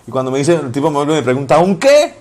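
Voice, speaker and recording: A man's voice: mid-range voice, fairly even intonation, very fast, a little mellow. A man, preaching informally as a pastor, telling personal stories and repeating phrases for emphasis.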